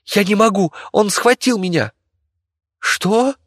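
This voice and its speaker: A man voicing a boastful male rat companion who squeaks shrilly. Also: takes it slowly, a bit bright, no echo, studio quality, heavily acted. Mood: shrill alarm.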